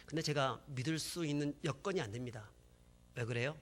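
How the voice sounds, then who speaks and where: A male pastor giving a sermon testimony, dramatic in his storytelling and swinging from hushed to loud. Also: medium pitch, a little fast.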